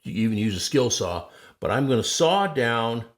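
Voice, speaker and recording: A man's voice: medium pitch, big pitch swings, normal speed. A man casually demonstrating a woodworking technique in a folksy, self-deprecating way while he works.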